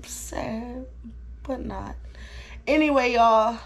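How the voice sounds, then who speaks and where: A woman's voice: on the high side, very slow. A woman vlogger chatting casually through a prank, laughing constantly between words. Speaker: YouTube vlogger. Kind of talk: casual prank vlog chat.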